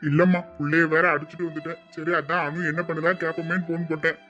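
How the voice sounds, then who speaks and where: A man voicing an earnest, worried middle-aged father who speaks quietly. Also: fairly high pitch, little pitch movement, fast, highs cut off, music in the background, lightly acted. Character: middle-aged father, worried and set on marrying off his daughter. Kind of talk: hobby audio drama.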